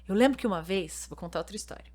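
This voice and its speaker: A woman's voice: mid-range voice, racing. A woman pastor with a Brazilian Portuguese accent, a mother, talking casually on a podcast and explaining through stories she retells. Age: adult mother. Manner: earnest, explains with lively retold anecdotes. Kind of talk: casual podcast conversation with storytelling.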